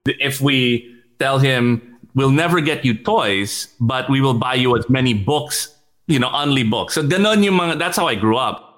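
A man guesting on a podcast as a startup executive, speaking at a mid pitch. He talks quickly, laughs often, trips over repeated words and mixes into his English. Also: a bit bright. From Philippines. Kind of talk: casual interview chat.

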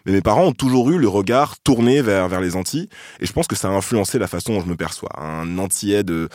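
A man from France hosting a podcast, telling a personal story in a reflective, thoughtful way with soft hesitations. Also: low-pitched, expressive, quick pace, no echo. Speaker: podcast host.

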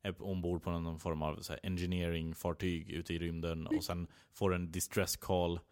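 A man's voice: low voice, little pitch movement, darkish tone, clean tone. A man chatting casually as a podcast guest, laid-back and joking, swearing now and then. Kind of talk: casual chat.

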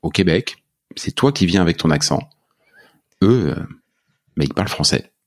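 A man from France with a French accent, co-hosting a relaxed chat and repeating words as he starts. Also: low-pitched, moderate pace. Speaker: podcast co-host. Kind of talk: casual conversation.

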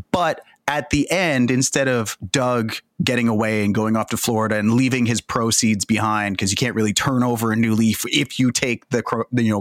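A male podcast host talks through a film's plot, explaining each detail in a steady conversational way. His voice sits in a middle register. The sound is very dry, with no room to it. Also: medium pitch, no echo. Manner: explanatory, recounting plot at length. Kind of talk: casual film discussion.

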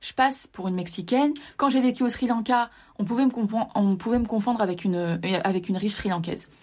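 A young woman from France telling a personal story straight to her listeners, lively and direct. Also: medium pitch, a little fast.

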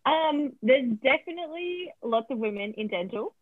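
An oral health therapist answers interview questions over a remote call, chatty, quick to laugh, and full of fillers. Her high-pitched voice is animated at normal speed, and the dry, tinny phone-line sound has no room sound.

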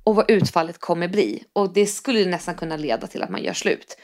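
A woman's voice: lowish voice, darkish tone. A Swedish woman co-hosting a podcast, talking casually, swearing freely and acting out the lines of people she quotes. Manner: chatty, swears casually, acts out quoted dialogue. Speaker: podcast co-host. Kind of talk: casual chat.

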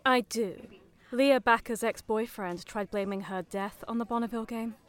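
A woman's voice: on the high side, normal speed, natural voice. An actress playing a vain, self-important woman podcaster with a smug, haughty manner, in a fiction podcast drama.

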